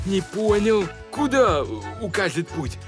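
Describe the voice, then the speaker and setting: A woman's voice: mid-range voice, slow pace. A woman voicing an eager, dim, blunt animal henchman in a children's cartoon. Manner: excitable, blunt. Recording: music under the voice.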